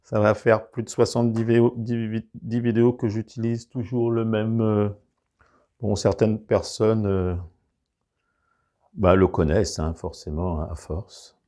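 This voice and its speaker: A man's voice: fairly low pitch, little pitch movement, measured pace, dark tone. A man with a regional accent demonstrating a product in a casual review, explaining carefully with many hesitations. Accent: French regional.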